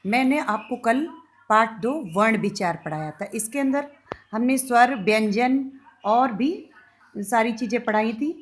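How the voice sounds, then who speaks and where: High-voiced woman teaching a lesson. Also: unhurried. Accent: Indian. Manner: patient, repeats and sounds out examples, asks questions and answers them. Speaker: school teacher. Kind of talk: recorded classroom lesson.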